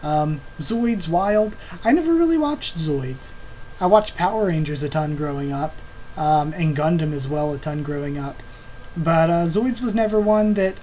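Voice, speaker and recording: A young anime video channel host rambles casually at a home desk, previewing the season with lots of ums and uhs. The voice is medium-pitched and darkish at a moderate pace, and the low-quality recording carries computer fan hum underneath.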